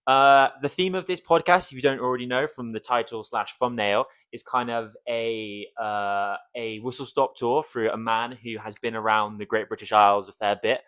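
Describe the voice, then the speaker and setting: A man's voice: medium pitch, fairly even intonation, moderate pace, hardly any pauses, fairly bright tone, clear, resonant tone. A young man from Cornwall hosting a casual podcast at home, teasing and joking with his guest, full of fillers. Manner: jokey, teasing, chatty with fillers. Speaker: podcast host.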